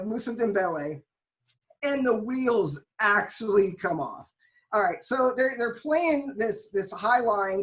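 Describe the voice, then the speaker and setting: Woman, high voice, podcast chat; animated storyteller who restarts her sentences and leans into the drama. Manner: frequent restarts and emphatic retelling. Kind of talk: casual soccer podcast chat.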